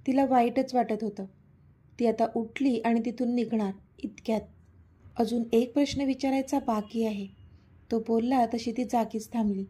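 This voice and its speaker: A woman reading a serialized love story aloud at an even, steady pace. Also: fairly high pitch, husky. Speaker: story narrator. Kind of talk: scripted story narration.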